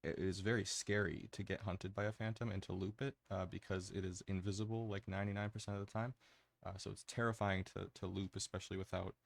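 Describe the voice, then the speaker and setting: Low voiced guy doing chill asmr gaming commentary, crackly fry, kinda rambly, dry close mic. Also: level tone, quick pace, no room sound. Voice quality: low, gravelly. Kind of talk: casual tier-list commentary, ASMR.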